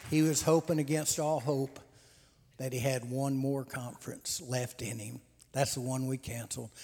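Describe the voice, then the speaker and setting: Creaky and husky, this medium-pitched voice with a darkish tone belongs to a host leading a church men's conference. He gives announcements and testimony in a down-home way, full of "uh" and repeated words, inside a large hall with long reverb.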